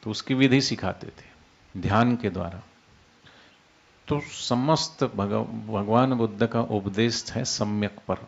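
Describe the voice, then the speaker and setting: A man giving an unhurried devotional discourse as a spiritual teacher, explaining with everyday examples. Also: lowish voice, creaky, muffled recording. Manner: unhurried, explains with everyday examples, demonstrates soft and loud speech.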